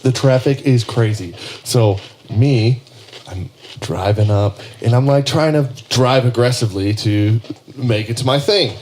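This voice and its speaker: A man's voice: medium pitch, unhurried, a little mellow, slight background noise. A young man hosting a podcast, casually telling a story with lots of swearing and laughter. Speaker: podcast host. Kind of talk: casual chat.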